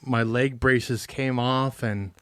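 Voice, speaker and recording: A man's voice: medium pitch, steady tone, slow, fairly bright tone, clear, resonant tone. A man co-hosting a podcast, chatting casually and telling stories with a straight face. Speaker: podcast host. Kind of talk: casual chat.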